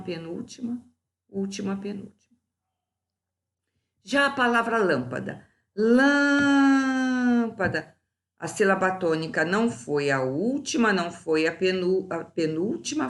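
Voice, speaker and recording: A woman teacher, slow and deliberate, going through grammar exercise answers in a recorded class and drawing out each example word. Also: mid-range voice, a bit bright.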